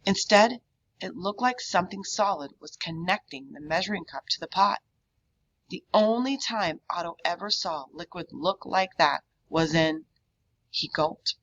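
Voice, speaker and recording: A woman reads a children's novel aloud with expressive storybook narration, her voice fairly low and her pace a little slow. The recording sounds dull and lo-fi.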